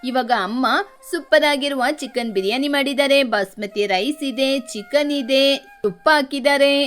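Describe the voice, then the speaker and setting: A woman's voice: sits high, a bit bright. A woman doing a cheeky, preachy boy bird. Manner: teasing, preachy, fast-talking. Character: cheeky, talkative young male bird who lectures his friend. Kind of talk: cartoon voice acting.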